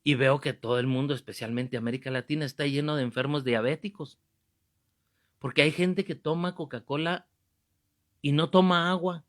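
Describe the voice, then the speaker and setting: Animated preacher, fairly high voice. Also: male voice, normal speed. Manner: animated, joking, rebuking. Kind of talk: sermon with comic storytelling.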